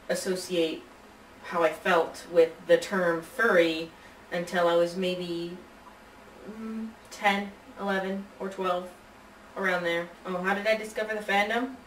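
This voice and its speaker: A woman's voice: fairly low pitch, fairly even intonation, normal speed. A woman being interviewed, answering in a casual, chatty way. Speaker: interviewee, fan community member. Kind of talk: casual chat. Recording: distant, echoey room, faint noise.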